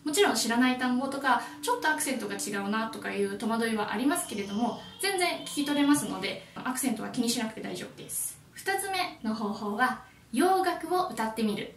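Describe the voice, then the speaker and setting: A Japanese woman who teaches English, giving a friendly and lively YouTube lesson. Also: a little high, fairly quick, hardly any pauses, roomy sound, distant mic, a little hiss or hum.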